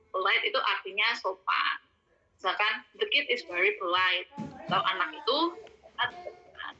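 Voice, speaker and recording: A woman teaches vocabulary in an easy, chatty way, repeating each word slowly and fixing her own slips as she goes. Her voice is very bright and sharp at an ordinary pitch. The recording sounds dull and lo-fi. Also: slightly rough. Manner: explains patiently, repeats words slowly, self-corrects. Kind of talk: casual spoken lesson.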